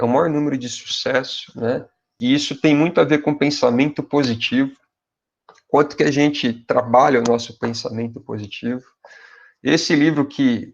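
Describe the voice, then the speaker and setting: A university professor in his forties, with a Brazilian Portuguese accent, gives graduate students conversational advice, addressing viewers directly as "pessoal." He keeps tacking quick checks for agreement onto his sentences. His voice is medium-pitched and creaky, with the highs cut off.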